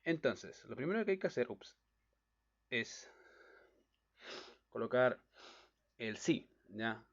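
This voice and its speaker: A man's voice: mid-range voice, sing-song, slow pace, pauses often. A man teaching a recorded lesson on diagramming Bible verses, explaining step by step and checking in with his listeners often. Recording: dull lo-fi recording.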